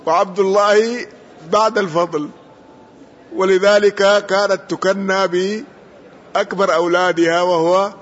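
A man teaching as a sheikh, explaining a text slowly and correcting the reader's pronunciation. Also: high voice, a bit bright. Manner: slow, deliberate, corrects the reader. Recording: dull lo-fi sound with faint noise.

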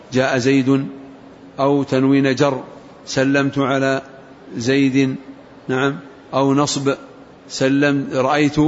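A man teaching a grammar lesson to a class, asking questions and repeating key words slowly for emphasis. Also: medium pitch. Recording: muffled recording with faint hiss.

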